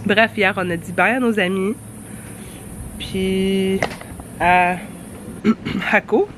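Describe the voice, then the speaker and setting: A young travel vlogger with a Québécois French accent and a stuffy cold chats casually and laughs often, filmed outdoors on a handheld camera. Her mid-range voice is steady in tone and very slow. Traffic noise fills the outdoor ambience.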